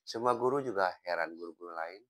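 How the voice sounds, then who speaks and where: A man, a hypnotherapist and life coach, giving a motivational talk as a story in an unhurried, conversational way with frequent pauses. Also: low-pitched.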